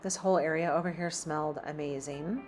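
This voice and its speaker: A woman's voice: low voice, steady tone, fairly quick, darkish tone, soft background music. A woman chatting casually as she browses a store, reading out prices as she walks. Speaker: shopping vlogger. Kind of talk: casual shop-with-me narration. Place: inside a large store.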